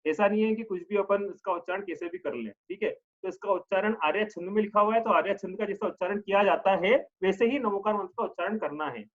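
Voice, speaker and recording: This is a religious teacher, a man whose voice sits high, recorded with lo-fi sound. He explains his lesson patiently and step by step, regularly checking in with listeners, and chants verses slowly to a drawn-out tune.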